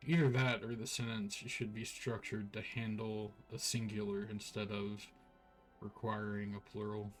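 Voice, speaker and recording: With faint music in the background, a man speaks in a lowish, flat, unhurried voice while streaming an online role-playing game. He sounds worn out and yawns, his casual remarks rambling and filled with "like."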